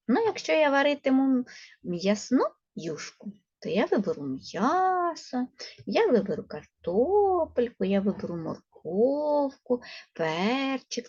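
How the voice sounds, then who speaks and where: A woman teacher with a Ukrainian accent, slowly and patiently coaxing young children through a first-grade reading lesson. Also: mid-range voice, darkish tone, breathy edge, dull audio. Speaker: primary school teacher.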